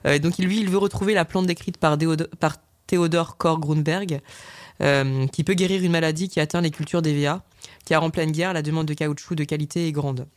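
A man's voice: on the high side, fairly even intonation, a little fast, no echo, clean studio sound. A man presenting film trailers on a radio show, speaking in a hesitant way with frequent filler sounds and restarts.

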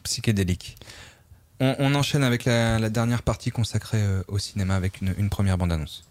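A man's voice: fairly low pitch, steady tone, fairly quick, background noise. A man hosting a radio show, chatting casually and linking segments. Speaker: radio host.

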